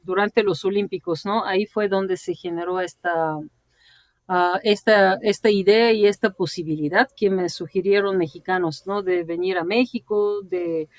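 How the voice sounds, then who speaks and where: This interview guest, a Bulgarian woman in her forties who works as a sinologist and translator, recounts stories animatedly in a mid-range voice at normal speed with fairly even intonation. Laughter runs through her speech, nearly every phrase ends with a questioning "no", and there's no echo.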